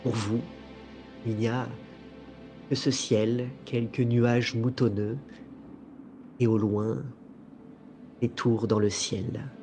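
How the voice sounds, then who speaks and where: A man works as game master, telling a tabletop fantasy story. His voice is medium in pitch and theatrical, unfolding slowly and deliberately over soft music. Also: level tone. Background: soft music bed.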